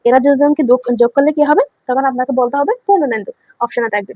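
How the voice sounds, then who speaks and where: Brief: female teacher, high voice, dry close sound, quizzes the class and answers herself. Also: fast, dry recording, muffled recording. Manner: asks students questions then answers them herself; repeats key words for emphasis. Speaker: grammar teacher. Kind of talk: online classroom lesson.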